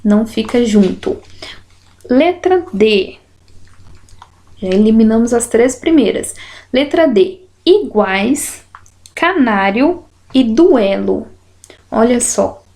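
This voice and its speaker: Woman, teacher walking through exercises, slow careful delivery, stretched syllables, slightly high voice. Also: expressive, darkish tone. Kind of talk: explanatory lesson, correcting exercises.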